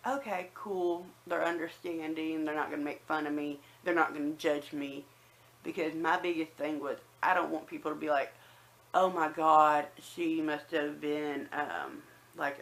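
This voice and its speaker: A woman's voice: low-pitched, rough recording. A woman telling a personal story casually to viewers, with a slight whistle on some words and a habit of acting out remembered remarks. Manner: conversational, acts out remembered remarks. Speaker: personal vlogger.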